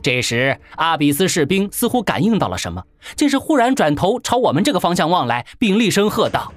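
A man narrating a science-fiction story in a theatrical, animated manner. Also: high-pitched, a little fast, no echo. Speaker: audiobook narrator. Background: faint background music.

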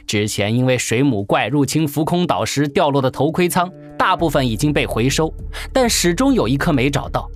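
A man narrating a science-fiction story in a theatrical, animated manner. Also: mid-range voice. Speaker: audiobook narrator. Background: faint background music.

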